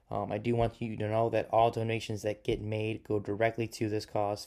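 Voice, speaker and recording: A man's voice: fairly low pitch, dark tone. A man hosting his own podcast, talking loosely in a casual solo monologue with a lot of filler words. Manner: loose and rambling, many fillers. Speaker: podcast host.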